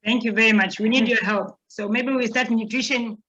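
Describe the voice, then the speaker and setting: A woman's voice: fairly high pitch, fairly even intonation, brisk, pushed and bright, slightly rough. Lady running a zoom-type meeting, calls folks up by name, kinda muffled lo-fi audio. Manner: calls on people by name, encouraging. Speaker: meeting host. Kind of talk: video call meeting. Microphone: video call. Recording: dull lo-fi call audio.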